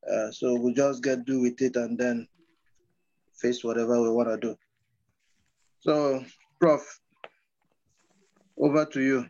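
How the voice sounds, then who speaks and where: Over a muffled online video call, a man with a Nigerian accent, president of a class association, gives an informal, off-the-cuff speech full of hesitation and jokes. His mid-range voice is darkish and fairly even in intonation, and he speaks slowly with frequent pauses.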